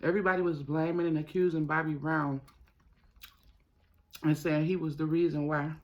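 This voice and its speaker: Higher-pitched man chatting through a mukbang, mouth full. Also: level tone, lo-fi sound. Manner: talks while eating, mouth sometimes full; emphatic, gossipy storytelling with pauses and repeated phrases. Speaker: mukbang host. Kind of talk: casual chatty commentary to viewers while eating.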